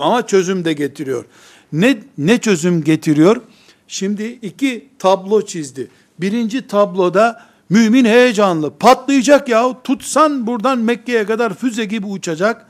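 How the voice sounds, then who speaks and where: Male preacher, high voice, emphatic rhetorical sermon. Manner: emphatic, rhetorical, acts out quoted believers.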